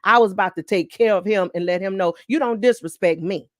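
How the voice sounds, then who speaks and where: A woman's voice: mid-range voice, a little fast, no echo, clean studio sound, natural voice. A woman voicing the biblical King David as a proud man humbled, speaking in a streetwise, confessional way. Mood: indignant.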